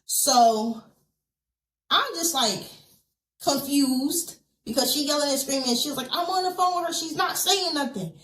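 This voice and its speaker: A woman's voice: high voice, normal speed, a bit bright, roomy sound, low-quality recording. A woman, a podcast guest, telling a personal story in earnest detail, acting out what others said and tossing in casual fillers. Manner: earnest, vivid retelling with quoted dialogue and many fillers.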